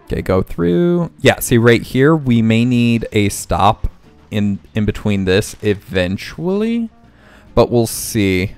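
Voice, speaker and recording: A man's voice: on the low side, big pitch swings, takes it slowly, darkish tone, clear, resonant tone. A man hosting a let's play, casually thinking aloud and correcting himself as he plays, with faint game music underneath. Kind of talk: casual gameplay commentary.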